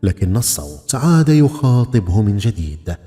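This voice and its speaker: Male storyteller, dramatic folk-tale narration, swooping animated delivery, long reverb, soft music behind. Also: lowish voice, moderate pace. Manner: dramatic, lively storytelling with voiced dialogue.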